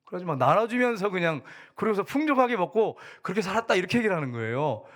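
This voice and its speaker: A middle-aged male pastor with a voice that sits a little high, preaching in a church. He tells stories in a loose, chatty way and drops into the voices of the people in them. The delivery rises and falls between loud appeals to the congregation and quiet storytelling. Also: very animated, very fast. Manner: conversational preaching, acting out quoted voices. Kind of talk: sermon. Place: church sanctuary.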